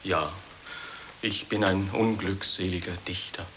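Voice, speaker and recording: An actor playing an unhappy, untalented poet in an absurdist comic radio play, declaiming with theatrical flourish. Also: male voice, fairly even intonation, unhurried, a bit bright, slight background noise. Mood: mournful, plain. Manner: declaims nonsense syllables with rising theatrical pitch. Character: unhappy, untalented male poet reciting nonsense verse.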